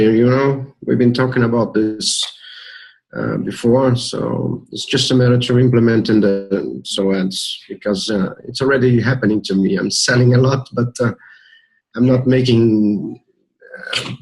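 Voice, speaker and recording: Gravelly man chatting haltingly. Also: medium pitch, fairly even intonation, low-quality recording. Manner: halting, searching for words. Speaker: webinar participant. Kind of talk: casual call chat.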